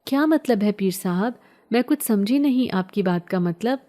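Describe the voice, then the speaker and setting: A woman's voice: mid-range voice, animated, dark tone, close to an everyday voice. A woman voicing a scared but headstrong young village girl, pleading and defiant by turns. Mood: fearful.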